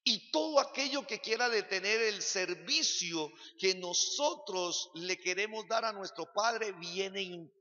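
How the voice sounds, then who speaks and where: A man's voice: high-pitched, measured pace, hardly any pauses, sharp tone. A man preaching a sermon as pastor, putting rhetorical questions to the congregation. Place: church sanctuary. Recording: long church-hall reverb, dull lo-fi sound.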